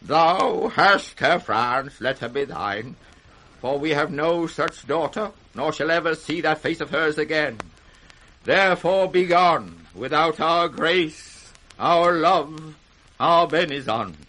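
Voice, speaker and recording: A man's voice: a little high, takes it slowly, bright, forceful tone, low-quality recording. An actor playing an aging, proud and wrathful British king in a classical radio drama, declaiming imperiously. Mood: cold, unyielding. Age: older.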